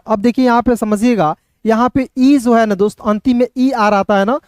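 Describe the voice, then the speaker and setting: A man's voice: very high voice, a little mellow, no echo. A man teaching English reading, who patiently spells words letter by letter and quizzes his listeners.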